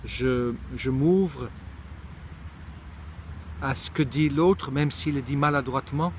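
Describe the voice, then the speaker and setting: Taking his time, a middle-aged man from Israel shares personal reflections in a medium-pitched voice. His monologue is thoughtful and halting, with frequent restarts, and a little hiss or hum is present.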